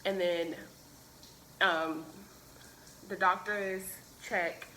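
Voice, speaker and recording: Woman vlogger with a lowish, bright, tense voice, telling her story in a chatty, emotional way at home. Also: fairly even intonation, drawn-out words, a little hiss or hum, low-quality recording. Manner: emotional, chatty, many "like" and "literally" fillers. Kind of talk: casual personal storytelling.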